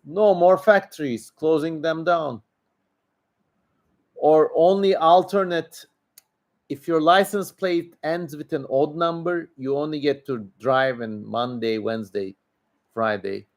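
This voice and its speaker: Speaking slowly in a voice on the high side, this man from Turkey hosts a casual livestream with a Turkish accent. He responds to viewers emphatically and opinionatedly, rambling as he goes.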